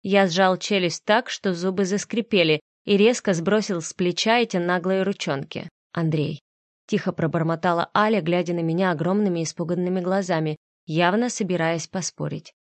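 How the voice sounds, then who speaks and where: A woman narrating a first-person audiobook in a steady, expressive storytelling voice. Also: on the low side, moderate pace, no echo.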